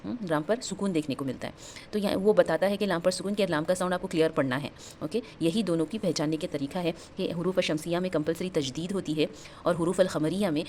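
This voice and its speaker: A woman teaching an Arabic lesson, explaining in a mix of Hindi and English and repeating each term and example word slowly. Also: low-pitched, darkish tone, slight background noise.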